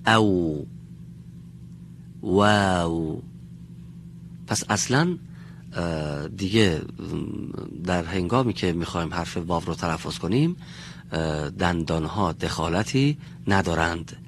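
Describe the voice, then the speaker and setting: Deep-voiced man teaching pronunciation. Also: lively intonation, vocal fry, a little hiss or hum. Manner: patient, demonstrates sounds slowly and repeats them. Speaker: Quran recitation teacher. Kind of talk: classroom pronunciation lesson.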